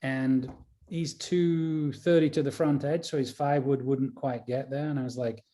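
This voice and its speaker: A man's voice: medium pitch, steady tone, measured pace, mellow. A man, a golf caddie and coach, talking in a casual rambling way with many fillers and restarts. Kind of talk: casual conversation. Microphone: video call.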